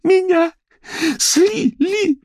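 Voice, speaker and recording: A man voicing a brash, crude young woman influencer in an audiobook, talking shrill and rude. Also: animated, normal speed, darkish tone, dry recording, clean studio sound. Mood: wailing. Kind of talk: audiobook character voice.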